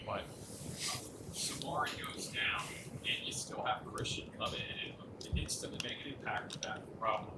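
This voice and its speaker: A man working as a reporter, asking long conversational questions in a post-game interview, picked up from a distance in an echoey, noisy room. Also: medium pitch.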